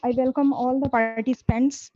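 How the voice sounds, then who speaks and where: A woman with a Pakistani accent hosting an online meeting, introducing speakers formally and haltingly over a video call. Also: high-pitched, steady tone, background noise. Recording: dull, lo-fi video call audio.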